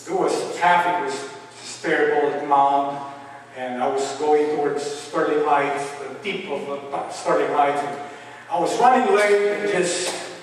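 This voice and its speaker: A man preaching a sermon as pastor, telling a story from his week in an animated way. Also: on the high side, a little slow, a little hiss or hum. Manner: storytelling, animated when retelling quarrels. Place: church hall. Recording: echoey church hall from far off.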